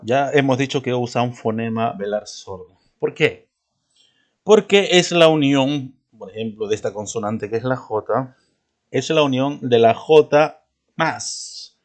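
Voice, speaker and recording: A man of ordinary mid pitch teaches a spelling lesson at a patient pace. He keeps repeating his points and checking in with the listener, and he clears his throat now and then.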